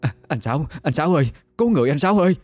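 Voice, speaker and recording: Man putting on a high-pitched, panicked mother's voice. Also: animated, very fast, darkish tone, faint music behind. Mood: frantic. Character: frantic middle-aged village mother.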